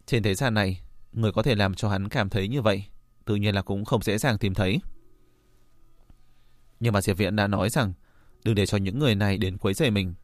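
A male audiobook narrator reads a fantasy tale in a steady, even storytelling manner. His voice sits low. The recording is dry and close, with no room echo. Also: fairly quick, pauses often. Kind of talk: scripted narration.

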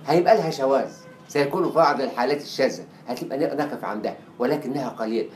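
A man with an Egyptian Arabic accent lectures at a quick clip, lively and theatrical, slipping into quoted voices and repeating words to drill their pronunciation. The sound comes from an echoey lecture room with a faint hiss behind him. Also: mid-range voice. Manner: animated, acts out quoted dialogue and drills pronunciation. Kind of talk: university lecture on Arabic writing. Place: lecture hall.

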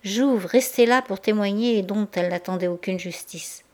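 Woman reading a classic novel aloud. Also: medium pitch. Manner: measured, expressive reading. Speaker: audiobook reader.

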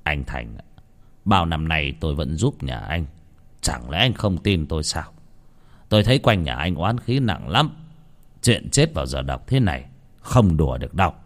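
A man's voice: very animated, exaggerated voice. A man doing a grave old shaman. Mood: ominous, solemn. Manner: low, slow, solemn. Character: grave old village shaman, weary and ominous.

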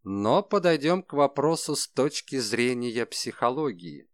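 A man voicing a shrewd, calm detective who speaks in a measured, ironic way, in an audiobook. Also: mid-range voice, dry recording, clean studio sound, lightly acted.

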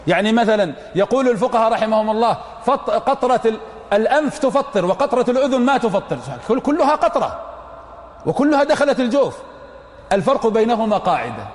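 A man's voice: high voice, a little mellow. A middle-aged man with a Saudi accent giving a mosque lecture on jurisprudence, emphatic and repeating phrases to press his point on his students. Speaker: Islamic scholar teaching jurisprudence. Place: large mosque hall. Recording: reverberant mosque hall.

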